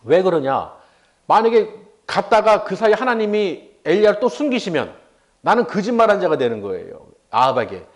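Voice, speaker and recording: Male pastor, fairly high voice, lively sermon with acted-out dialogue and questions to the congregation. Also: moderate pace.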